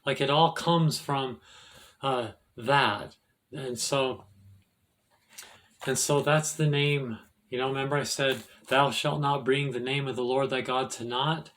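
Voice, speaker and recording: Male host, mid-pitch, rambling lecture style, loose and halting delivery. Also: fairly even intonation, a bit bright. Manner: rambling, halting, many restarts and fillers; self-correcting, laughs at own slips. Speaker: occult video host. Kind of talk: casual explanatory monologue.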